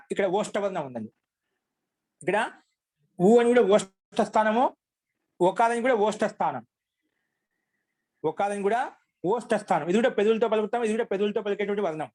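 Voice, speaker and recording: High-voiced male teacher, slow dictation, quick plain explanations. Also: a little mellow. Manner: repeats rules slowly for dictation, then explains quickly. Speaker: Sanskrit grammar teacher. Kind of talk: classroom lesson with slow dictation.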